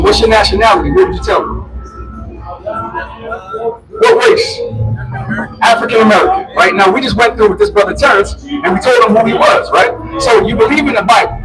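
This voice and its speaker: A man's voice: high-pitched, distant mic, low-quality recording. A man preaching in the street, emphatic, pressing listeners to answer him back.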